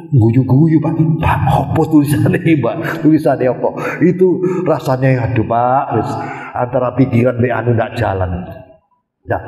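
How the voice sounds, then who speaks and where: Hoarse-edged man in echoing hall. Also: medium pitch. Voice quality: sometimes hoarse from a tracheostomy. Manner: animated storytelling, acts out nurses' voices. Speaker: doctor giving a religious talk. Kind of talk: storytelling talk to a congregation. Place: mosque hall. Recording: echoey hall reverb.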